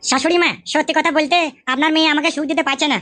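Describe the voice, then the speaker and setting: A touchy young son-in-law, voiced by a woman grumbles and swears at high speed. The voice stays high and bright throughout. It is a comic village skit. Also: fairly even intonation, rapid-fire, no room sound. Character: hot-tempered young son-in-law, man.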